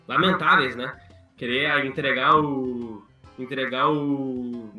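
A man vents in a casual sports chat. He is blunt, indignant and quick to swear, in a slightly high and very sharp voice. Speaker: podcast panelist.

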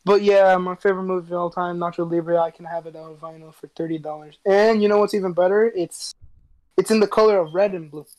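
A man's voice: high-pitched, fairly even intonation, quick pace, a little mellow. A young man in casual chat with a friend, laid-back and joking, sometimes searching for the right word.

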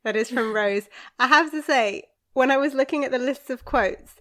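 A woman's voice: sits high, normal speed, fairly bright tone. A woman chatting casually as she quizzes a friend, laughing often. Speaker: quiz host. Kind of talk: casual chat quiz.

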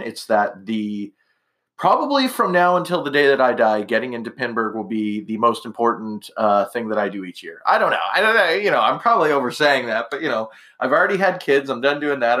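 Male podcast host from Canada, middle-aged, medium pitch, casual rambling monologue. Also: big pitch swings, a little fast, pushed and bright. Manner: rambling, chatty, self-correcting asides.

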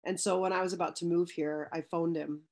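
A woman's voice: on the low side, steady tone, fairly quick, vocal fry, darkish tone. A woman as an interview guest, speaking earnestly in a casual chat, with frequent restarts and fillers.

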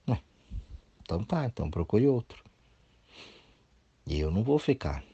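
A man's voice: sits low, mellow, breathy edge. A man, a therapist, giving a blunt motivational talk and mocking whiny voices of others.

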